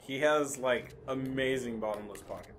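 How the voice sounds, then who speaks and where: A man's voice: mid-range voice, normal speed, background noise. A young man chatting casually and playfully as he plays a game, joking along. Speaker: gaming player and commentator. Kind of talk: casual chat while playing.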